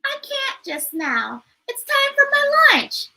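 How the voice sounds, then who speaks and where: A woman's voice: extremely high pitch, huge pitch swings, slow pace, creaky, sharp tone, pitched above the performer's own voice, exaggerated voice. A woman voicing a small, stubborn, boastful mouse in a storybook read-aloud. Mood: defiant. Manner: stubborn, defiant.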